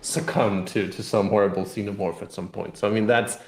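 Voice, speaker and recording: A game designer and CEO, appearing as an interview guest, explains things casually in loose, rambling phrasing. His voice is on the low side, steady and brisk, and the recording sounds echoey and roomy.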